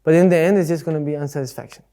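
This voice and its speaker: A man's voice: on the high side, rapid-fire, warm tone. A man giving a casual, conversational Dharma talk at a Buddhist centre, explaining ideas through everyday examples. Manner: acts out voices in quotes.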